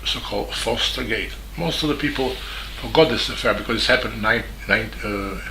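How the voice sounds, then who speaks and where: A man from Serbia with a Serbian accent, a journalist giving a spoken statement in halting English full of fillers and restarts. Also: lowish voice, creaky, background noise. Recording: echoey room with faint ambience.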